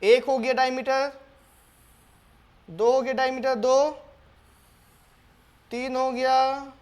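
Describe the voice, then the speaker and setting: A man's voice: very high-pitched, flat delivery. A man teaching a board exam maths lesson step by step. He asks his students questions, answers them himself, repeats key steps and calls them "beta" in a patient, coaxing way. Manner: reads the English question slowly, word by word.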